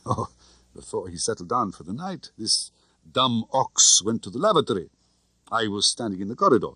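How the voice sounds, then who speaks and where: For an audiobook, a male narrator voices a big, tough spy chief who is cheerful, confident, gleeful, and sly. His exaggerated, husky, forceful delivery is bright, sing-song, and theatrical, moving at a moderate pace with wide pitch swings, recorded close and dry with no room sound.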